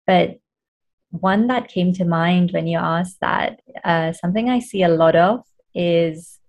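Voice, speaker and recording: A woman guest in an interview, a coach explaining her work in a thoughtful, measured way. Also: lowish voice, muffled recording, a little hiss or hum. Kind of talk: conversational interview.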